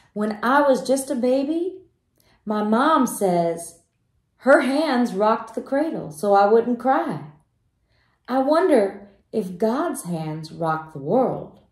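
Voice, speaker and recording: A woman reading a children's picture book aloud in a slow, gentle way, stopping to ask young listeners questions. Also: fairly high pitch. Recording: roomy echo.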